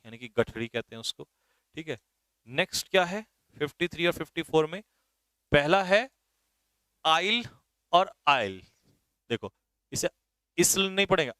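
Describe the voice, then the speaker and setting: A man's voice: a little high, a bit bright, clean tone, no echo. A man teaching English vocabulary for an exam, often checking whether his students have understood. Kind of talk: exam vocabulary lesson in Hindi.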